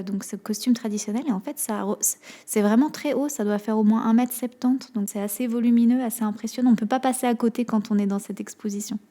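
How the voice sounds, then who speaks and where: A woman's voice: medium pitch, warm tone. A woman hosting a podcast interview who asks her guest questions, with a few fillers. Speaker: podcast host.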